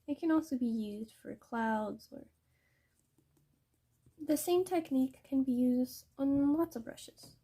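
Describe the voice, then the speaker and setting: A young woman explaining paintbrushes in a painting tutorial, hesitant and halting, often correcting herself. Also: sits high, warm tone, husky. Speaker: art tutor.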